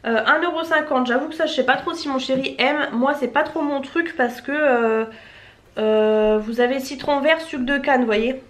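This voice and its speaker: Unboxing on camera, a young woman from Marseille rambles and corrects herself in the easy chat of a family vlogger. She talks at a normal speed in a high voice, and the room is echoey with a little noise.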